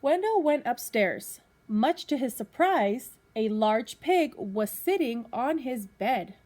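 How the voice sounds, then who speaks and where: Female, teacher type, higher-pitched voice, reading a storybook to children and checking in with them. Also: animated, a little mellow. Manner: pauses to put questions to young listeners. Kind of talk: read-aloud of a children's picture book.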